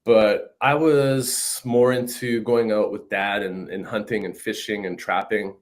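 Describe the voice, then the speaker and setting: Unhurried and steady in tone, this fairly low-pitched man is a Canadian guest musician in his fifties from northern Saskatchewan. He's in a casual interview chat over a video call at home, recorded on the call's mic, and he keeps tacking on "you know what I mean."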